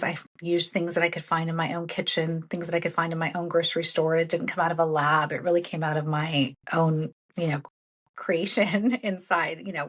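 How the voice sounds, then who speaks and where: A middle-aged woman founder, a guest on an interview podcast, talking casually and fluently with many filler phrases. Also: lowish voice. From United States, born in Sudan. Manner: upbeat and fluent, many "you know" fillers.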